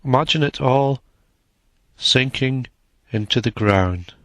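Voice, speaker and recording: This guided meditation is led by a man whose mid-range voice has a slightly bright quality. He speaks calmly and deliberately, dropping short phrases between long silences, and the recording carries no echo.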